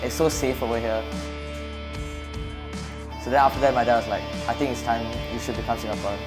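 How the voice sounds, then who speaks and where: A young man answers casual interview questions, joking around and laughing freely. His voice sits at an ordinary middle pitch. Loud guitar music nearly swamps him. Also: steady tone, brisk. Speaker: roommate and guest.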